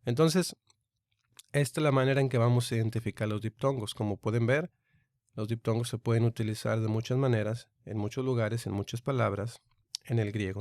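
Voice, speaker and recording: A man teaching a recorded online Greek lesson, speaking slowly and deliberately and repeating each sound aloud. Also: medium pitch, darkish tone, no echo, studio quality.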